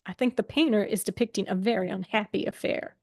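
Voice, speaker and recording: Fast and gravelly yet a little mellow, this woman's mid-range voice has no room sound around it. In an improvised role-play reading, she portrays a gloomy young woman writer with an American Southern accent, blunt, dry, and contrary in manner.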